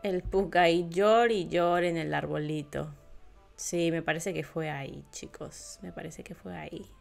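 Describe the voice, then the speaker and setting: A woman with a slightly low voice reads a manga aloud and reacts to it casually. She jumps from loud exclamations to soft murmurs. Faint music plays underneath. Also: measured pace, creaky.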